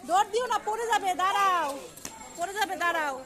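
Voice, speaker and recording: A woman's voice: very high-pitched, a little fast. A woman in a playful family vlog, talking to a small child in a doting, sing-song way. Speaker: family vlogger. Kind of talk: playful family vlog with play-acted voices.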